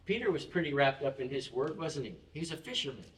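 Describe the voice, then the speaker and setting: A man's voice: medium pitch, lively intonation, fast, roomy sound, distant mic. A man preaching a conversational sermon as pastor, acting out quoted prayers and laughing at himself now and then. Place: church chapel.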